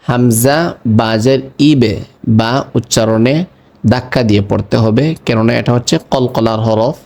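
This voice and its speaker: A man teaching Quran reading, spelling each word slowly and patiently, letter by letter, then saying it whole. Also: medium pitch, steady tone, darkish tone. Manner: chants the verse words in a drawn-out melodic recitation. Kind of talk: slow letter-by-letter recitation lesson.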